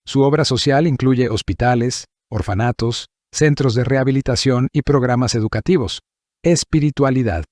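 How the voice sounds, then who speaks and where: A man giving a scripted narration, reading through points in a measured, list-like way. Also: mid-range voice, darkish tone, no echo, clean studio sound.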